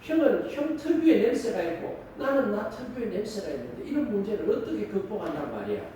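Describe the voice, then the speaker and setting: A timid young son whines and pleads, as a pastor acts him out. His is clear. The sound is roomy and far off, with a faint hum of ambience. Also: high voice, very animated, brisk, dark tone. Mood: whiny. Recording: echoey church hall, distant mic.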